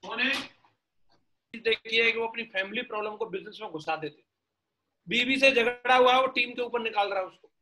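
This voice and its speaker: Guy fired up pep talking his sales team, high bright voice, slangy and blunt. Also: moderate pace, pauses often, poor audio. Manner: punchy, colloquial, peppered with slang and rhetorical questions. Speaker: MLM motivational speaker. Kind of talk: motivational talk to a sales team.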